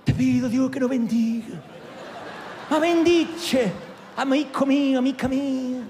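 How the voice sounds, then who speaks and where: Guy doing a loud italian soldier with a put-on italian accent, pitched way up, big echoey church. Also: steady tone, unhurried, some chatter behind, a little hiss or hum. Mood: pleading. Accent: Italian-flavored Spanish, put on. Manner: loud, exaggerated, theatrical pleading. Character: boisterous Italian soldier praying, male, middle-aged. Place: large church hall. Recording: echoey hall with long reverb.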